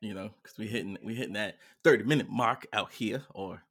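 Gravelly-voiced man telling a story. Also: on the low side, fairly quick. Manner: animated storyteller, acts out his own shouts. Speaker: podcast co-host. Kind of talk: casual chat.

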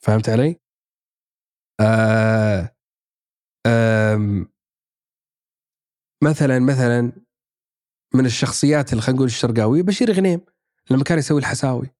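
A man from Saudi Arabia, an actor and writer, chats casually as a podcast guest, thinking aloud with lots of fillers and restarts. His medium-pitched, slightly mellow voice moves at a moderate pace with frequent pauses. The studio-quality recording has no echo.

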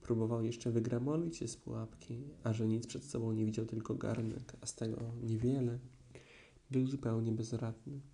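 Mellow male storyteller. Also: medium pitch, moderate pace, gravelly, a little hiss or hum. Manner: gentle, expressive read-aloud. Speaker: narrator. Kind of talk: audiobook storytelling.

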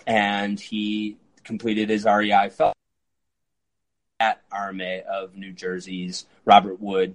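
A man in his early thirties hosting a podcast interview, eager and quick, with frequent fillers. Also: lowish voice, poor audio. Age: 30s. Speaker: podcast host. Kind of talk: conversational interview.

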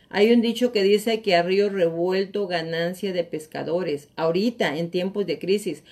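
A woman, speaking at a middle pitch, hosts a live real estate show. She tells stories with animation and acts out her friends' words. She keeps urging her viewers on in a motivational pep talk. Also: darkish tone.

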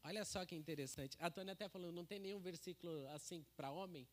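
A man's voice: high-pitched, fast. A man giving a casual church sermon into a handheld microphone, chatty and joking, with many tag questions. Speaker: preacher.

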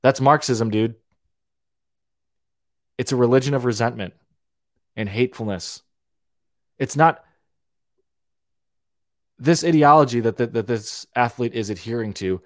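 Speaking at medium pitch and a little slowly, this young podcast host from Romania pauses often during an opinionated rant. He's heated, restarting and repeating words and cursing without restraint. It's a close, dry recording with no room sound.

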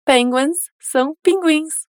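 Female English teacher, patient explainer who slows down to model phrases, close dry voice. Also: high voice, dry recording. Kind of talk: language lesson narration.

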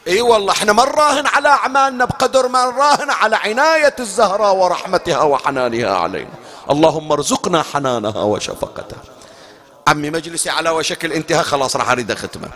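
A man's voice: sits high, animated, fast, pushed and bright. A man delivering an emotional mourning sermon as a preacher, slipping into chanted lament.

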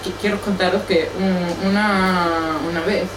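A woman's voice: on the low side, steady tone, unhurried. A young woman, sharing in a group circle, hesitant and searching, with many restarts. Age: young adult. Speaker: group participant. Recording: echoey room from far off, background noise.

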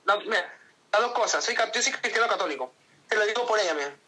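A man's voice: high voice, animated, quick pace, over a noisy crowd, rough recording. A man with an Ecuadorian accent, a guest in a casual interview, talking in an earnest, rambling way with frequent restarts.

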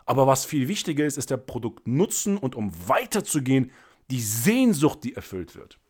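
A man in his thirties, a sales trainer, telling a story straight to his listeners in an animated, emphatic way. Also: mid-range voice, normal speed, husky. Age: 30s. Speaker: sales trainer and business owner. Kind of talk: anecdotal monologue to listeners.

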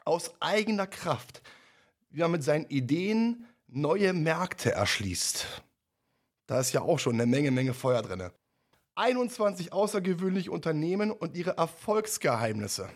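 A man with a slightly high voice hosting an interview. He introduces his guest in a friendly, somewhat rambling way, repeating words as he goes. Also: very animated, unhurried. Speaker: podcast host, interviewer. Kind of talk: conversational interview.

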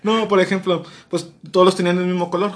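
High-voiced Mexican man telling a story. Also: flat delivery, fast. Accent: Mexican Spanish. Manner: slangy, laughing, mimics voices in his story. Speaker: storyteller in a podcast chat. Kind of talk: casual chat.

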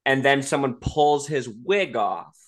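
A man's voice: mid-range voice, takes it slowly. A young man co-hosting a podcast, gleefully retelling movie scenes in casual chat. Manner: animated, gleeful storytelling. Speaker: podcast co-host.

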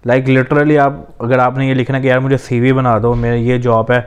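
Male podcast host from pakistan, resonant clear voice, mid pitch, casual explaining, english phrases mixed in. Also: flat delivery. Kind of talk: casual chat.

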